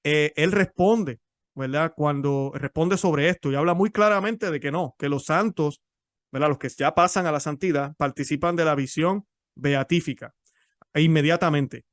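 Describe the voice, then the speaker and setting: A man's voice: on the high side, moderate pace, no room sound, clean studio sound. A man explaining church history in a teaching talk, often repeating and restarting words.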